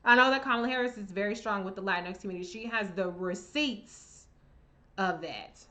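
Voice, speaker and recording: A woman's voice: mid-range voice, brisk, bright, forceful tone. A woman hosting a live Q&A, reading viewer comments and answering in a blunt, chatty, profane way. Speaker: livestream host.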